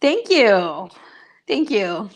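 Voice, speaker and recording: A woman's voice: medium pitch, very animated, very slow. A young woman from Honduras, a YouTuber casually chatting with viewers and answering their questions, upbeat and full of fillers. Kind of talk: casual livestream chat.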